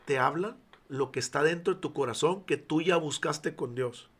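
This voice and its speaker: This interview guest, a church founder in his forties with a Mexican Spanish accent, recounts his faith testimony at a moderate pace. His voice is fairly high, fairly bright and husky, and he acts out dialogue, at times nearly whispering.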